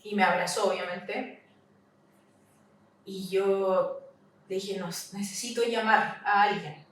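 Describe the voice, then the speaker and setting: A woman's voice: medium pitch, steady tone, a bit bright. Chilean woman in an echoey room. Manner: halting, repeats herself, voice rises in retold questions. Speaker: podcast guest. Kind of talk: recounting a personal loss in an interview. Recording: echoey room, mic at a distance, faint hiss.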